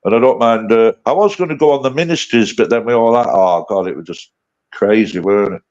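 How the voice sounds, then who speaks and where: A man's voice: lowish voice, fairly quick, darkish tone. Sweary man in his fifties, lo-fi. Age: 50s. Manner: blunt and sweary, rambling banter. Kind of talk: casual livestream chat. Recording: dull lo-fi stream audio.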